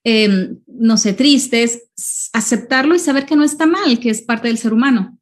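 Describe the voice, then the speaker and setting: A woman's voice: on the high side, normal speed. A woman hosting an interview, friendly and affirming, often answering with a short "claro" and sharing her own stories. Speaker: interview host.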